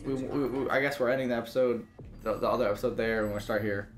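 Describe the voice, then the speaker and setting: A man's voice: mid-range voice, fairly even intonation, racing. A young man giving casual co-op game commentary in a slangy, sweary, rambling way. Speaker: gaming commentator. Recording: echoey with faint game noise.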